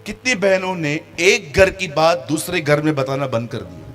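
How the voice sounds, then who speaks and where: Guy pastor preaching to a church crowd, kinda high voice, teasing and jokey, faint music behind. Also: expressive, moderate pace, a bit bright. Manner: humorous, teasing, mimics congregation members. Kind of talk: sermon. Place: church meeting.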